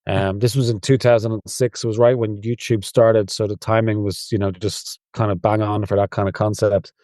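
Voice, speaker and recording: A man with a soft Dublin Irish accent, telling stories in a relaxed, rambling way as a podcast guest. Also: lowish voice, moderate pace, no echo, studio quality. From Ireland. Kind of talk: casual interview.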